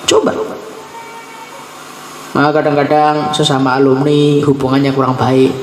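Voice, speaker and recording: A man giving a humorous religious sermon, joking and swinging between low murmurs and high exclamations. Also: flat delivery, a little slow, over music. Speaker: Islamic preacher. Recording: echoey hall with long reverb, faint noise.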